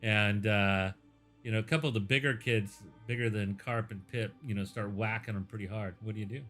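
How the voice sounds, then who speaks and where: A man's voice: fairly low pitch, steady tone, a little fast, fairly bright tone, soft background music. A man narrating a tabletop game as game master, in a loose, rambling way. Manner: loose, filler-heavy storytelling.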